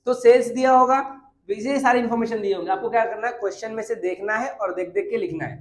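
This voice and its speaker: A man's voice: sits high, quick pace. A man teaching a commerce class at a whiteboard in Hindi mixed with terms. He asks his own questions and answers them, and repeats every key point. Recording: echoey room.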